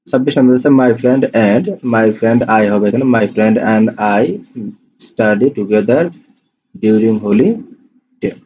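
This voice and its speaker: A man's voice: on the low side, drawn-out words, warm tone. A man with a Bangladeshi Bengali accent working through exam questions as a tutor, reading each question and then repeating the answer. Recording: dull lo-fi voice-over with faint hiss.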